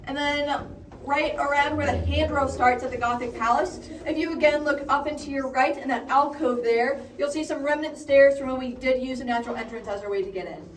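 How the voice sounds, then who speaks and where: A woman's voice: high-pitched, a little fast. A woman working as a cave tour guide, explaining things to a group in plain words with light asides, her voice echoing through the cave. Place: inside a cave, recorded from among the tour group. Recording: echoey cave, distant mic, faint noise.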